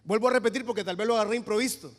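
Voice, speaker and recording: A man preaching a Pentecostal sermon as pastor, animated, with joking asides and loud proclamations. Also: high voice, rapid-fire. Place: church. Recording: reverberant church hall.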